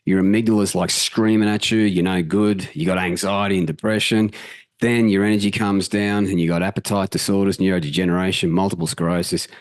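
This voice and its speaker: A man with a very low voice walks viewers through health slides with lively, casual energy. He throws in the odd swear word as he goes. The sound is dry and close, with no room echo. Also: quick pace. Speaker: health channel host. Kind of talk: presenting slides, casual talk.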